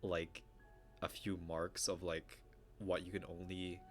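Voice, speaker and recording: A man with a very low voice runs a tabletop game as its game master. He narrates loosely, with fillers, and drags out the details as he describes each scene. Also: little pitch movement, slow pace, soft background music.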